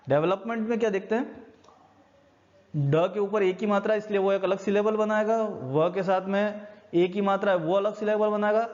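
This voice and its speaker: A man's voice: high-pitched, a little mellow. A man with an Indian accent teaching a recorded school lecture, explaining patiently step by step and mixing Hindi with English. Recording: dull lo-fi recording.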